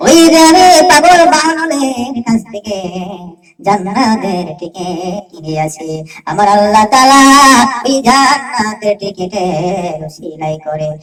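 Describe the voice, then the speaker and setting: A male preacher voicing a calm, devoted queen speaking tenderly, in an echoey hall with a distant mic. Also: high-pitched, unhurried, faint music behind, voice pushed down.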